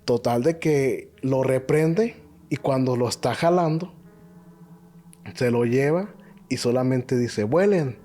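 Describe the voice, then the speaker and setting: A man's voice: medium pitch, slow pace, mellow, faint music behind. A man on a podcast, chatting casually and retelling old stories, often stopping to restart his words. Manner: hesitant, many restarts and filler words. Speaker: podcast co-host.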